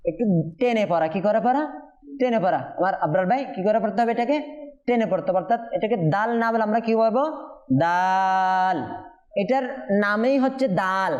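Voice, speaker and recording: A man with a fairly high voice and a Bangladeshi Bengali accent leads a Quran recitation class. He patiently asks the same question again and again to his students. The sound is a little dull and lo-fi. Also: a little mellow. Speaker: Quran teacher.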